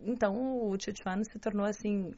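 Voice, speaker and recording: A journalist and martial arts student from Curitiba in southern Brazil, speaking with a Curitiba Brazilian Portuguese accent, is a guest in a relaxed interview. She explains things and often seeks agreement with checking tag questions. Her mellow mid-range voice keeps fairly even intonation at normal speed, on a slightly dull, lo-fi recording.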